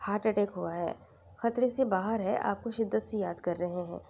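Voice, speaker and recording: A woman's voice: mid-range voice, creaky, mellow, a little hiss or hum, close to an everyday voice. A woman voicing an anxious young man who pleads with a trembling voice. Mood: pleading.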